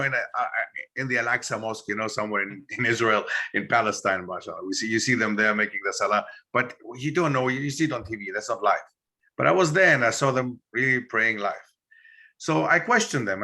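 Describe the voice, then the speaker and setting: A man's voice: mid-range voice, brisk, bright, forceful tone. A man of Greek origin, a historian and author, a guest in an interview who tells his story animatedly and acts out quoted dialogue. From Greece.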